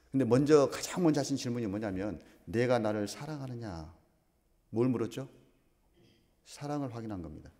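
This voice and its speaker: Man, pastor, sermon, emphatic questioning, mellow voice, echoing church hall. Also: mid-range voice. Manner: asks the congregation questions, slow emphatic phrasing. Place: church sanctuary. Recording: long reverb of a church hall.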